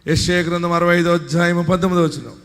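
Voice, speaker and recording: A man, a pastor, preaching a live sermon, reading verses aloud and rising into shouts as he exhorts. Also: high voice, steady tone, fast talker, clear, resonant tone. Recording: live hall with long reverb.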